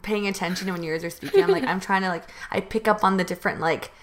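A woman's voice: mid-range voice, racing, a little hiss or hum. A young American woman hosting a podcast, talking casually with lots of restarts. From United States. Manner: hesitant, many fillers and restarts. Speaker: podcast host. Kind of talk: casual chat.

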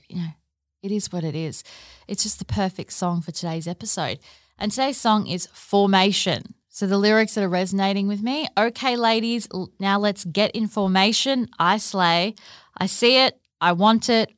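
A woman's voice: on the low side, no echo, studio quality. An Australian woman hosting a podcast solo, talking casually in a chatty, informal, lightly sweary way. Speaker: podcast host.

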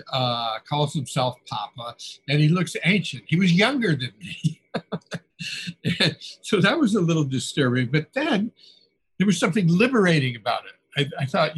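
An older man speaks as a guest author, unhurried and reflective. He drifts through his stories with small chuckles and fillers, his pitch sitting in an ordinary middle range. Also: fairly bright tone, rough recording. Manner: musing, chuckles often, trailing fillers. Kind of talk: reflective interview storytelling.

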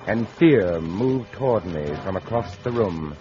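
An actor playing a graying, fatalistic writer near fifty, narrating an old radio drama in a literate, melodramatic way. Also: male voice, on the low side, lively intonation, a little slow, noisy background. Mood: wistful, ominous. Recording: dull lo-fi old radio recording. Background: prominent music.

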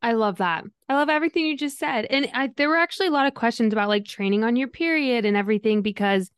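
A young woman hosting a chatty podcast, her voice a little high and smooth. She talks in an upbeat, easygoing way and laughs often. The sound is close and dry, with no room around it. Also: fast, no echo. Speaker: podcast host. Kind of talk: casual chat.

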